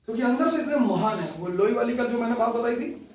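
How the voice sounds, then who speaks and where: A man lectures a history class in a high voice, telling jokes and drifting into anecdotes. He sits back from the mic, so the sound carries the hollow echo of the room. A faint hiss runs beneath him. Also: expressive, quick pace, darkish tone. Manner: chatty, joking, digressive storytelling. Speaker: history teacher. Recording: echoey classroom from far off.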